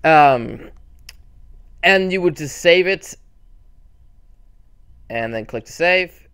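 Slow and fairly high-pitched, this young channel host talks casually over a screen-recorded tutorial in a clean tone. He rambles, corrects himself as he goes, and sounds excitable.

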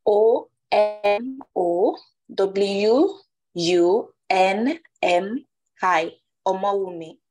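A young Nigerian-accented woman speaks at a medium pitch as a test candidate. She takes her time as she puts questions and gives answers in a conversation exercise. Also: drawn-out words, darkish tone, faint music behind, low-quality recording. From Ondo State, Nigeria.

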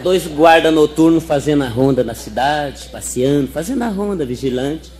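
A man's voice: on the high side, animated, normal speed, a little mellow, some chatter behind. A man telling folksy jokes in colloquial speech at a live stage show. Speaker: comedian. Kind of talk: stand-up joke telling.

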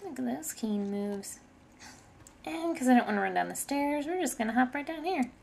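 Gravelly-voiced woman rambling over gameplay. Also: sits high, expressive, normal speed, darkish tone, faint music behind. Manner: rambling, chatty, sometimes murmurs. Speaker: gaming video host. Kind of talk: casual gameplay commentary.

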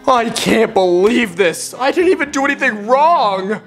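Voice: mid-range voice, expressive, measured pace, faint music behind. A performer voicing a hot-tempered, exasperated male bear who whines and stammers in a plush puppet comedy. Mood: whiny. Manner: whiny, exasperated, stammers when shocked.

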